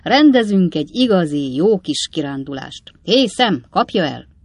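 A reader voicing a boisterous, reckless young male apothecary in an audiobook, loud and excitable. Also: mid-range voice, no echo. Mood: gleeful. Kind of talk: audiobook character voice.

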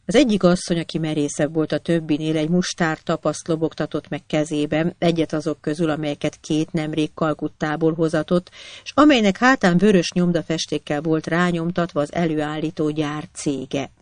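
Measured audiobook narrator, dry sound. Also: medium pitch, steady tone, no room sound. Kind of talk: scripted narration.

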